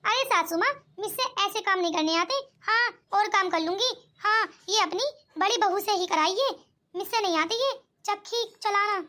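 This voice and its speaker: A lazy, boastful young bride played by a woman in a cartoon. Her voice is very high and bright, and she talks down to everyone in a snooty, dismissive way. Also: moderate pace. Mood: refusing. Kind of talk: cartoon voice acting.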